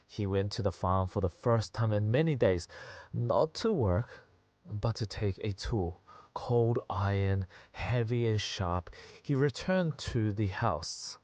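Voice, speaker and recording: A man narrating a story on a radio show, in a measured storytelling voice. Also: lowish voice, lively intonation, a little mellow, no room sound. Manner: measured narration, quick laughing chat. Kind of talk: scripted narration and casual chat.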